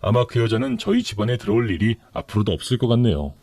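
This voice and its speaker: A man narrating a dramatic true-life story for radio, calm and matter-of-fact. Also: fairly low pitch, fast talker, no room sound.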